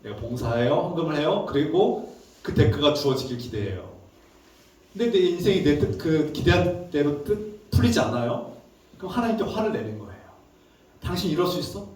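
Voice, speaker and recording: A man preaching from the pulpit in a cavernous church sanctuary, his slightly high voice ringing off the walls. He drives his points home with rhetorical questions and repetition. The mic sits some way off, so the sound comes through distant and washed in echo. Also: very animated, moderate pace, a little mellow. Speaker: pastor. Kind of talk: sermon. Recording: very echoey hall, distant mic.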